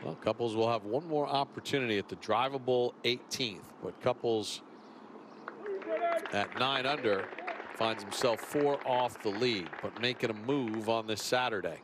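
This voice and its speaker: Male lead golf announcer, medium pitch, play-by-play delivery over audible outdoor noise. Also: unhurried, a crowd in the background. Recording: clear outdoor ambient noise behind.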